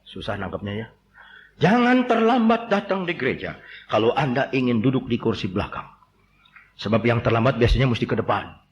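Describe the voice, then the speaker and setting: A man preaching a sermon, telling stories with humor and shouting quoted lines. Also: mid-range voice, big pitch swings, a little fast, highs cut off, slight background noise. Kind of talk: sermon with storytelling.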